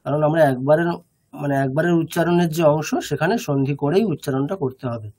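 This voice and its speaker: A man's voice: a little high, steady tone, fast, a little mellow, husky. A man teaching an online class over a video call, explaining patiently and often stopping to check that his students follow.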